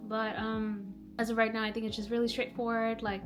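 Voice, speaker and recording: A woman's voice: on the high side, flat delivery, a little fast. A young woman from Nepal, a musician, talking casually about her music with lots of filler words. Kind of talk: casual self-introduction. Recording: music playing behind.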